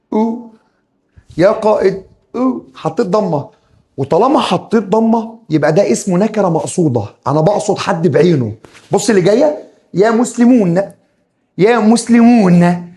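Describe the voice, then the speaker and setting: A man's voice: high voice, a little mellow. A man with an Egyptian accent teaching Arabic grammar, drilling rules over and over and acting out his students' questions. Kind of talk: classroom grammar lesson.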